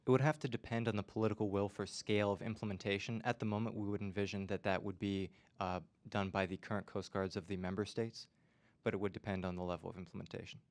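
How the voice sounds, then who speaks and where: A man's voice: on the low side, steady tone, fast, a little mellow. A young adult male student competitor giving a formal answer to a judge. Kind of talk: formal question-and-answer response.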